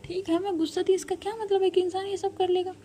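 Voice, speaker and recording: A woman's voice: medium pitch, flat delivery, moderate pace, warm tone, lightly acted. A woman voicing a fierce, heartbroken young woman mafia boss in a storytelling retelling, pleading and demanding. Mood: tearful pleading. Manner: sobbing, pleading.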